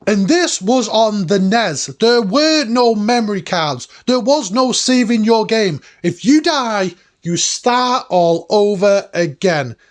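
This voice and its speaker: A man's voice: sits high, animated, slow pace, hardly any pauses. A man around forty hosting a retro gaming video with enthusiastic, nostalgic, informal commentary and emphatic delivery. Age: late 30s to early 40s. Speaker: host of a retro gaming countdown. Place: cabin, indoors.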